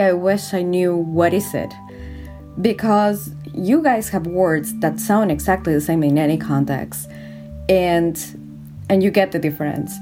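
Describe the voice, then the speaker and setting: A woman with a notably deep voice tells an anecdote in an interview. She speaks quickly and expressively, with a touch of exasperation. Soft guitar music plays faintly underneath. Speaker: interviewee, scientist. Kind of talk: animated interview storytelling.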